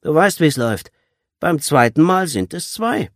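A man's voice: medium pitch, big pitch swings, moderate pace, no room sound, studio quality, pitched above the performer's own voice. A man voicing a brutal, bullying teenage gang leader who barks harsh, contemptuous orders. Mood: menacing.

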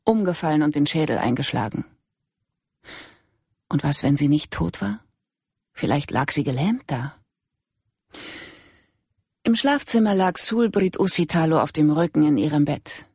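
Gravelly, husky audiobook narrator. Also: mid-range voice, lively intonation, measured pace, pauses often, darkish tone, no echo, clean studio sound. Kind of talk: scripted narration of a crime novel.

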